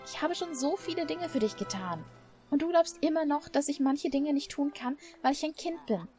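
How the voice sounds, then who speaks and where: A woman's voice: moderate pace, dark tone, natural voice. A woman voicing a stubborn, eager young girl in a game, speaking earnestly in a raised voice. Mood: defiant. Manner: earnest, pleading, raised pitch. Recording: faint music behind.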